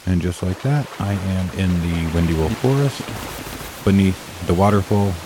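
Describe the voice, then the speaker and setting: A man's voice: low-pitched, lively intonation, a little slow, background noise. A man narrating an unscripted, step-by-step game walkthrough in a matter-of-fact, instructive way, describing each action as he does it. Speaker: audio game guide narrator. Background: computer game sounds and ambience.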